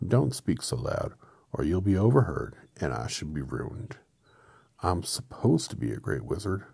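A man's voice: a bass voice, big pitch swings, unhurried, gravelly, a little mellow, husky, no echo, exaggerated voice. A man voicing a meek, flustered little old man, a humbug wizard with a trembling voice, from a storybook.

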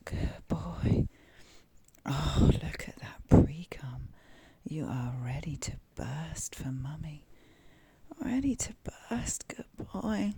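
A woman whispering intimately in an audio roleplay, with soft moans between her lines. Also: low-pitched, big pitch swings, slow.

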